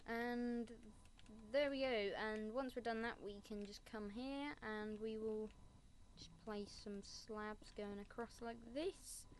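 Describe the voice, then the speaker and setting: She speaks slowly in a fairly high voice, with a little hiss or hum in the audio. Her Minecraft building tutorial is casual and rambling, sprinkled with self-mocking asides.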